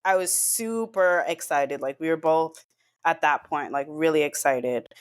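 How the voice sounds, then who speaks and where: Young woman on a podcast, lower voice, earnest and emotional, lots of "like"s. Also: a little slow, clean tone. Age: young adult. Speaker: podcast guest. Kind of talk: personal storytelling.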